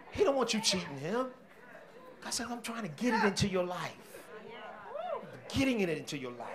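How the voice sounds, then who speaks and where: Man preaching in church, high voice, bright tone, shouts then drops low, congregation faintly behind. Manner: call-and-response preaching, shouting bursts then quieter talk. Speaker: senior pastor. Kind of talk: sermon.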